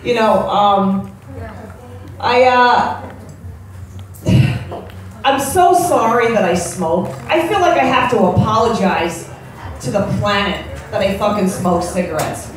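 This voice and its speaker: A woman's voice: medium pitch, animated, slow, pauses often. An American woman in her forties performing live stand-up comedy in a brash, profane, conversational way. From upstate New York, United States. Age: 40s. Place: indoor comedy show with live audience. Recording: echoey, noisy club recording from far off.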